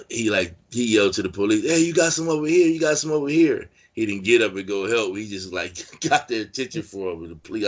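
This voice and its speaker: Very deep voiced californian guy rambling through prison stories, lots of likes and you knows. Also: a bit bright. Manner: rambling, filler-heavy street talk. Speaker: interview guest, former prisoner. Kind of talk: casual storytelling interview.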